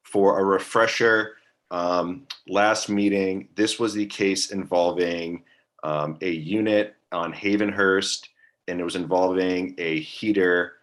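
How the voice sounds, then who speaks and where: A man giving a hesitant, monotone staff briefing at a public meeting over a video call, filling pauses with um. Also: low-pitched. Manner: monotone, hesitant with many ums. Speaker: staff attorney at a commission meeting.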